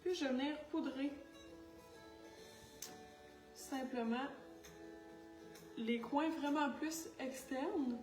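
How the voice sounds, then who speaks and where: A high-pitched woman with a Quebec French accent chats her way through a makeup tutorial, a little scattered and quick to poke fun at herself. Her voice bounces around an echoey room, with faint music playing underneath. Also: a little mellow, far from the mic. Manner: chatty, scattered, self-mocking, talks while working. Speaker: makeup artist. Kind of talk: makeup tutorial, casual talk to camera.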